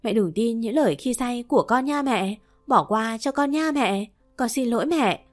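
A woman's voice: fairly high pitch, expressive, normal speed, natural voice. A woman voicing a tearful, two-faced young woman who pleads and denies, read in a storybook manner with light music behind. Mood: pleading. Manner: pleading and defensive.

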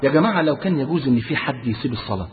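A man's voice: mid-range voice, expressive, very fast, a little hiss or hum. A man preaching a sermon in an Egyptian Arabic accent, fervent and asking his listeners questions again and again. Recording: tinny phone-like sound in a reverberant hall.

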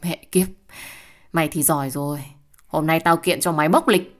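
A woman voicing a brutal, foul-mouthed husband who shouts insults in an audio story. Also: low voice, normal speed, natural voice. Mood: angry shouting.

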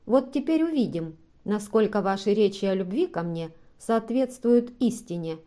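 A woman's voice: medium pitch, expressive, moderate pace, mellow, close to an everyday voice. A woman reading an audiobook and voicing a stubborn, distrustful man who scornfully accuses a woman of lying. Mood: decisive.

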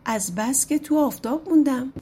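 A woman voicing a scheming bald peasant girl who coaxes and makes excuses in a smooth, sweet-talking way. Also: high voice, dark tone, voice pushed up. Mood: excuse-making. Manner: coaxing, smooth-tongued.

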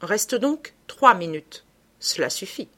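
A woman's voice: medium pitch, very animated, slow pace, bright, forceful tone, exaggerated voice. Woman reading a sneering villainous clerk. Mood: menacing. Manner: sneering, hammering his syllables. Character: menacing male court clerk, cruel villain. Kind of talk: audiobook reading.

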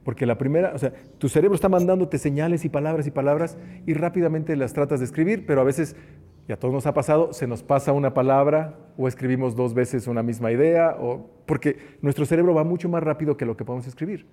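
Man, sermon, fairly high voice, mellow, conversational, acts out quotes. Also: fast talker. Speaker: preacher and teacher.

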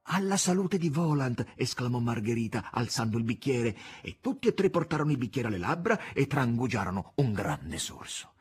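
A man narrating a novel in a theatrical, dramatic style, swinging from hushed whispers to loud passages. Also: mid-range voice, sing-song, brisk, few pauses, breathy edge. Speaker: audiobook narrator.

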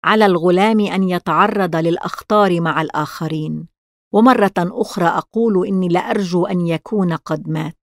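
A woman's voice: lowish voice, a little fast, dry recording, studio quality, natural voice. A woman reading a drunk, defiant young woman. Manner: defiant, bitter.

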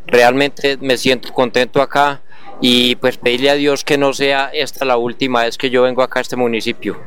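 A man with an Antioquian accent, a guest on a radio interview, speaking in an earnest, halting and grateful way. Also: mid-range voice, flat delivery, a bit bright, a little hiss or hum. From Colombia. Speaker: guest, wheelchair traveler.

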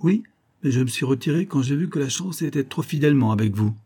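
A man voicing a cautious, evasive baron in an audiobook, in a husky voice. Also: medium pitch, expressive, quick pace, dark tone, pitched above the performer's own voice.

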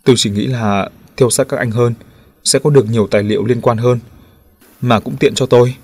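A man voicing a cunning journalist who speaks weakly and hoarsely, pleading and ingratiating. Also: mid-range voice, steady tone, brisk, darkish tone, natural voice. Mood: aggrieved. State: hoarse and weak. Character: sly, weakened male journalist, scheming.

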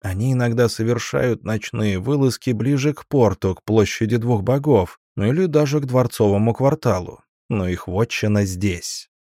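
A man reading an audiobook, voicing a sharp-tongued young woman who is quick to anger and often speaks in a tense, hushed whisper. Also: medium pitch, dry recording, studio quality, close to an everyday voice. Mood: warning. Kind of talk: audiobook character voice.

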